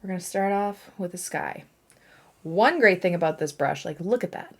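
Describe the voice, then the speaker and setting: Woman, young adult, watercolour artist, casual painting chat, self-mocking, slightly low pitch. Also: lively intonation, moderate pace. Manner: chatty, self-mocking, thinking aloud with laughs.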